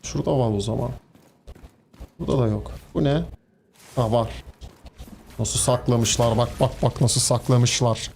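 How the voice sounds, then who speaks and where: Man, Turkish accent, casual game stream talk, mid-pitched voice, chatty with viewers, faint noise behind. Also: unhurried, vocal fry, long pauses, darkish tone. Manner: chatty, talks to the game's enemies and to viewers, laughs easily. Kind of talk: casual gameplay commentary.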